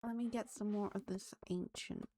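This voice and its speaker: A woman's voice: mid-range voice, steady tone, normal speed, mellow, a little hiss or hum. A woman streaming a farming game, chatting casually to her viewers and her pets with jokey asides. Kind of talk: casual gameplay commentary.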